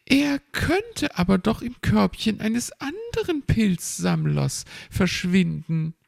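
A man voicing a nosy, chatty female magpie in a storybook, with a shrill, chirpy, prying manner. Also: very animated, takes it slowly, gravelly, no echo, studio quality, exaggerated voice. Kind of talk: storybook reading.

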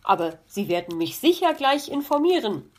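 A woman doing a courteous, amused fox gentleman. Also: on the high side, big pitch swings, normal speed, voice pushed up. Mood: genial. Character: genial polite male fox baker. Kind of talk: children's audiobook.

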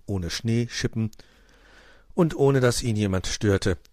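A man narrating a children's story in a lively, expressive way. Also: lowish voice, takes it slowly, dry recording, studio quality.

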